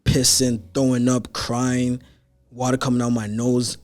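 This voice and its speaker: A teenage guy from Nigeria chats loosely as a podcast guest. He rambles through stories with filler words and slang, his pitch sitting in the middle of a man's range. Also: level tone, a little slow. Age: teens. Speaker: guest rapper. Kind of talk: casual podcast chat.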